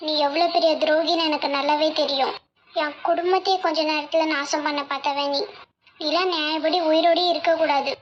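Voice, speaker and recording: A woman's voice: sits high, fairly even intonation, a little fast, muffled recording, a little hiss or hum, lightly acted. [name], a woman voicing a fierce scolding mother. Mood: contemptuous. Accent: Tirunelveli Tamil. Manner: scolding, contemptuous. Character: angry young mother, fierce and unforgiving.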